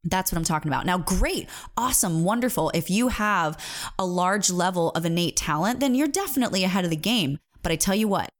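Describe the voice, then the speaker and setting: A woman's voice: on the low side, lively intonation, fairly quick. A woman in her thirties, a singing coach, giving an earnest, emphatic motivational talk with personal stories.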